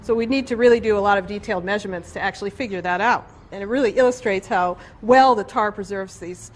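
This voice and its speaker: A woman's voice: mid-range voice, fast, faint music behind. A middle-aged woman explaining things as an expert interviewee in a nature documentary. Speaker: paleontologist interviewee.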